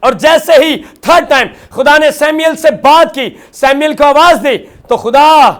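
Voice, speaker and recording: A man's voice: very high voice, measured pace, a bit bright. A male pastor delivering a televised sermon with a repetitive, emphatic preaching cadence, mixing English words into his speech.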